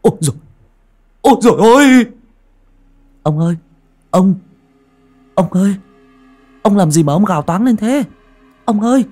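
A man voicing a jumpy young male servant who stammers and cries out in a high, strained voice. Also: animated, moderate pace, long pauses, darkish tone, faint music behind. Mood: panicked. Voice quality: shrill, stammering.

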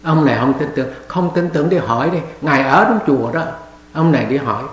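Monk giving a dharma talk in an echoey hall. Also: male voice, on the high side, quick pace. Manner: acts out story characters in dialogue. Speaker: monk teaching a retreat. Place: meditation hall.

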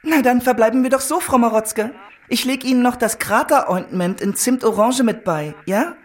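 A woman's voice: a little high, expressive, normal speed, natural voice. An actress playing a chirpy woman selling skin creams over the phone in a radio drama. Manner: chirpy salesy, then scolding.

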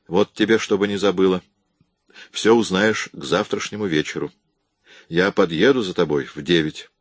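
A man's voice: low voice, normal speed, slightly rough, no room sound, clean studio sound. A man reading an audiobook, voicing a hard, impatient young male burglar who asks curt, pressing questions. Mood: determined.

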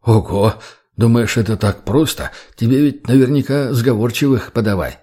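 A man's voice: mellow, husky, lightly acted. A man putting on a fawning fat slave trader. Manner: wheedling, placating, higher and slower.

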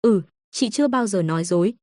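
A woman voicing a calm, firm young female exorcist who speaks gently but with authority. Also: medium pitch, fairly quick, dry recording, studio quality, close to an everyday voice.

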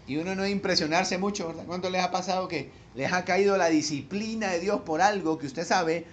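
A man preaching a sermon as pastor. He talks straight to his listeners with rhetorical questions and swings from hushed low asides to loud emphatic peaks. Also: fairly quick, slight background noise.

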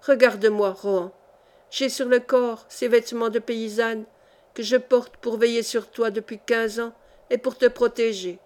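A woman voicing a fierce noblewoman who talks in a forceful, urgent and imperious way, both commanding and imploring. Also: on the high side, steady tone, unhurried, natural voice.

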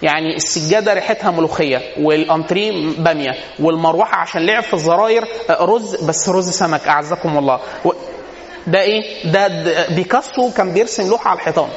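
A man's voice: fairly high pitch, fast, slight background noise. A man with an Egyptian accent giving an informal religious lesson, telling humorous anecdotes and posing rhetorical questions that he answers himself. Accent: Egyptian Arabic. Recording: echoey hall, dull lo-fi sound.

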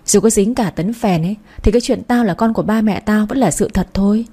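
A woman voicing a blunt, sharp-tongued young woman who taunts her rival. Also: medium pitch, a little fast, breathy edge, lightly acted. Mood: mocking. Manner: mocking, taunting.

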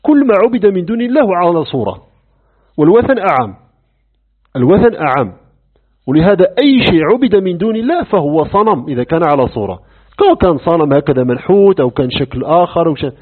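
A man's voice: a little high, fast. A man teaching a lesson on creed, asking rhetorical questions and acting out dialogues. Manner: animated, asks rhetorical questions, acts out dialogues. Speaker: religious teacher. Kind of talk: lecture on creed. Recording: narrow phone-like lo-fi recording.

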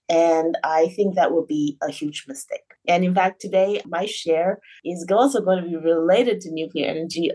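A woman with a bright, enthusiastic, chatty manner, talking casually as a co-host on a science show. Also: lowish voice, slightly rough. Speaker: new co-host, reporter and clean energy advocate.

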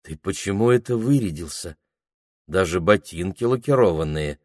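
A man's voice: lively intonation, moderate pace. A man reading aloud, voicing a flustered middle-aged woman shop owner who scolds curtly and shrilly. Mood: puzzled. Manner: curt scolding, shrill outbursts.

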